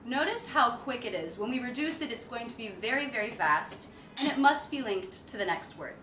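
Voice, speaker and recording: A woman's voice: on the high side, expressive, moderate pace, bright, forceful tone, soft background music. A woman pronunciation teacher narrating a recorded lesson, drilling sounds by repeating them. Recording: roomy and distant with faint noise.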